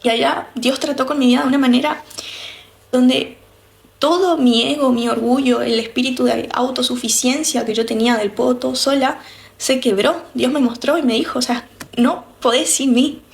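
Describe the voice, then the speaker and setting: A young woman from Misiones, Argentina, speaking with an Argentine Spanish accent, shares an earnest, reflective testimony of her personal faith, restarting often. Her voice is high-pitched and steady, with vocal fry, at a moderate pace.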